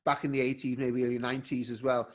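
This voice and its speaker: A man's voice: mid-range voice, little pitch movement, fast. A man co-hosting a football podcast in casual chat, often restarting and repeating words. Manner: hesitant starts and repeated words. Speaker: podcast co-host.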